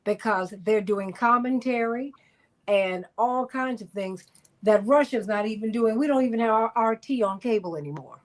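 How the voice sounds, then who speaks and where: A woman's voice: fairly high pitch, moderate pace. Emphatic woman hosting a talk show. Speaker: host. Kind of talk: radio panel talk.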